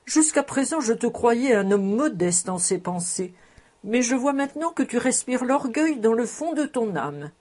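A woman's voice: a little high, normal speed, pitched above the performer's own voice. A woman reading aloud, voicing a jovial, teasing man fond of good living. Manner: teasing, lively. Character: jovial teasing male bon vivant.

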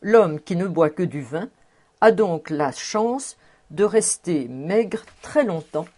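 A woman's voice: lowish voice, animated, takes it slowly, darkish tone. A woman reading the part of a pedantic male professor in a storybook, in a lecturing, matter-of-fact way.

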